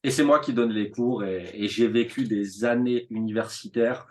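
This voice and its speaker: A man in his thirties, a teacher telling his school story in a relaxed interview, animated and full of fillers and restarts. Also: mid-range voice, moderate pace. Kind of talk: casual conversational interview.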